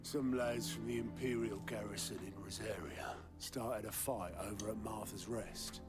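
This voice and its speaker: An actor playing a blunt, coarse male informant in a video game, speaking in low conspiratorial tones. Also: unhurried, close to an everyday voice. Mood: grim report. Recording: game audio with music behind.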